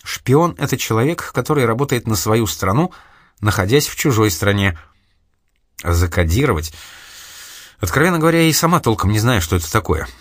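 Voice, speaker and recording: A man reading an audiobook, voicing a lively, teasing young woman who sells food on the street. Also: fairly low pitch, fairly quick, no room sound, studio quality. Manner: chatty, teasing, curious.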